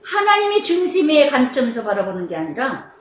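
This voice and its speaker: A middle-aged woman pastor delivers an emphatic sermon. Her voice sits high and moves widely up and down as she repeats key phrases for weight. The sound carries a noticeable room echo. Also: sing-song, brisk, slight background noise.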